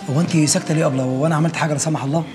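A man's voice: on the high side, fairly even intonation, very fast, over music, close to an everyday voice. An actor playing an awkward, fawning young man with an Egyptian accent.

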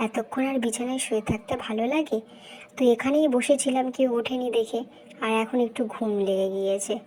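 Woman doing a high-voiced doting old mother. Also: brisk, dark tone, lightly acted. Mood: soothing. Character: elderly mother, early riser, calm and doting. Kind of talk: doll-play drama.

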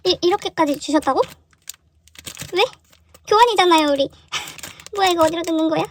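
High-voiced excitable young woman vlogger. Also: moderate pace, slight background noise. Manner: excitable, gasping and exclaiming in surprise. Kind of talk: casual unboxing chat.

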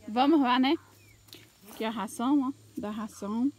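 A woman's voice: moderate pace, a little mellow. A woman chatting casually while filming her daily farm chores outdoors on her phone, calling out to the animals. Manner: chatty, calls out to animals in a high sing-song voice. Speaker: vlogger. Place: outdoors on a farm, pigsty and yard. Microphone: phone camera held by the speaker.

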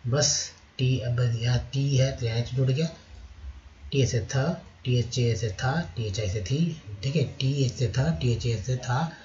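A male teacher slowly reciting syllables one by one in a slide lesson, with a Hindi accent. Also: mid-range voice, darkish tone, a little hiss or hum. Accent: Indian Hindi. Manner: slow, drawn-out syllable-by-syllable recitation. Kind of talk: slide-based spelling lesson. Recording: slightly muffled lo-fi recording.

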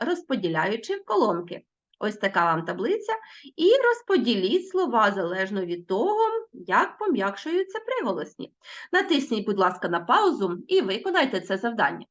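A woman teacher giving a recorded lesson to schoolchildren, slowly spelling out sounds and words. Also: on the high side, muffled recording.

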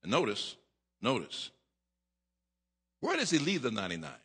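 Middle-aged male pastor, husky and sharp voice, dramatic sermon delivery, long church-hall reverb. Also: mid-range voice, wildly swooping pitch, moderate pace. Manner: dramatic preaching, acting out voices, stammering repeats, rising to shouts. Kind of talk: preaching a sermon. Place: church sanctuary at a lectern.

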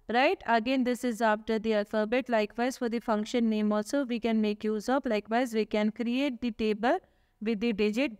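A woman's voice: fairly high pitch, clear, resonant tone, dry recording, studio quality. A woman teacher narrates a slide lesson, explaining patiently, asking herself questions and often adding "okay?". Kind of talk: slide lecture. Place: voice-over on slides.

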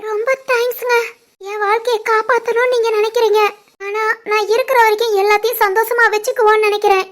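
A sorrowful young bride in a family cartoon who pleads slowly and quietly. Her voice is very high and bright. She sounds resigned. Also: little pitch movement.

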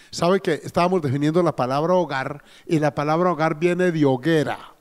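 Man, colombian accent, pastor preaching, folksy, quizzes the congregation, somewhat high voice, long church reverb. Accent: Colombian Spanish. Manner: folksy, asks the congregation questions, frequent "amén" and "gloria al Señor". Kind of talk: sermon. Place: church hall.

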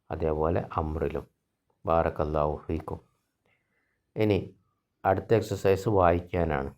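A Malayalam-speaking man gives an Arabic grammar lesson in a deep, low, gravelly voice. He goes slowly, reading each Arabic phrase aloud and then explaining it in his native language.

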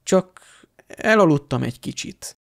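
A man's voice: fairly high pitch, lively intonation, creaky. Harry, a man doing a tired, grudging teen wizard. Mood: weary, grudging. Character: weary, reluctant teenage boy wizard.

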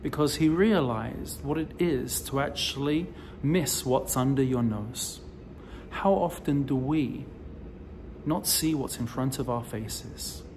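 A male rabbi in his forties delivers an unhurried sermon at medium pitch, telling the story slowly and deliberately with emphatic rises. He records indoors before a decorative wall on a phone or camera close to his face in selfie framing, with a faint background hiss.

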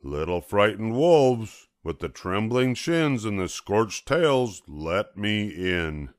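A man voicing a menacing big bad pig in a storybook, with slow drawn-out threats. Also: lowish voice, big pitch swings, no room sound, studio quality.

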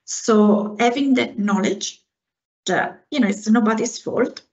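On the high side and a little slow, an Italian-accented woman in her forties from Italy responds earnestly to post-talk questions as a guest researcher on a video call. She uses her hands while explaining. She's at home indoors, and the video call sound is slightly dull.

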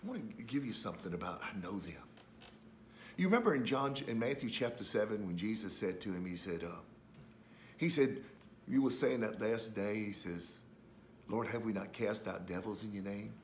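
A man preaching a sermon as host of a ministry, calm when reading scripture and climbing to loud, high-pitched urgency as he presses his point. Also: normal speed, slight background noise.

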